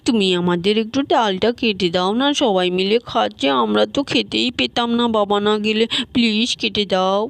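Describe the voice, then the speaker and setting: A woman's voice: mid-range voice, normal speed, creaky, no echo, lightly acted. A woman voicing an eager young girl in a doll story, wheedling and pleading with her aunt.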